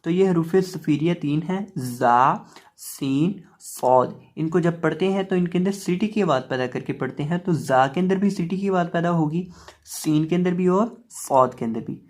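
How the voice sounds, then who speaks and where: A man teaching the pronunciation of letters in a step-by-step lesson, calling out each letter loudly and drawn out, then explaining calmly. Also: high-pitched, normal speed. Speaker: Quran reading teacher.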